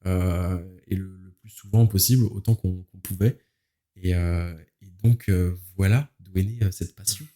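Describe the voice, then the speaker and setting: This Parisian musical theatre performer, nineteen, sounds lowish, dark and relaxed, speaking a little slowly. In a casual interview chat he uses informal young slang and gropes hesitantly for the right phrasing.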